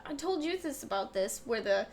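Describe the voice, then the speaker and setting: A woman co-hosting a late-night podcast, chatting casually in an excitable, rambling way. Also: on the high side, normal speed, a little hiss or hum. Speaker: podcast co-host. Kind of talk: casual chat.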